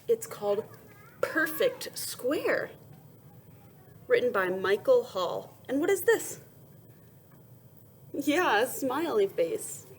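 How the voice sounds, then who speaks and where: Reading a picture book aloud to little children, a woman with a fairly high voice sounds like a teacher, animated and expressive. She stops to ask questions, answers them softly, and slips in asides. Slight background noise is present.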